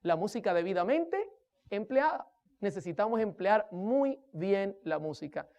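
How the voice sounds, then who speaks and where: A woman's voice: mid-range voice, very animated, unhurried, warm tone, lo-fi sound. A woman giving a sermon-style lesson on rhythm and music, speaking emphatically, asking the listeners questions and counting beats aloud. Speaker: music teacher preaching.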